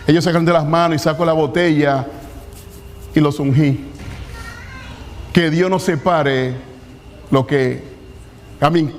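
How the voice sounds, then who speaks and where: A man preaching an impassioned sermon as pastor, building to emphatic peaks and dropping to hushed appeals. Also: on the high side, big-room sound, slight background noise. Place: large church sanctuary.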